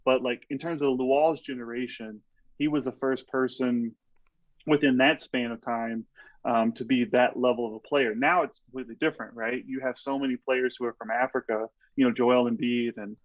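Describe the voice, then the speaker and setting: A man's voice: mid-range voice, no room sound. Chatty man, rambling fillers, dull dry sound. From Texas. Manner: rambling, lots of "like" and "you know". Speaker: podcast guest, strength coach. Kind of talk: casual podcast storytelling.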